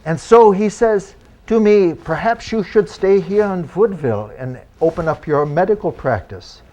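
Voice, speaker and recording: With a warm, animated voice that sits high, a man plays a genial 19th-century German-born country doctor and travelling storyteller, performing living history for an audience. His mood is matter-of-fact, though the phrasing stays formal, old-fashioned, deliberate and theatrical. The audio sounds dull.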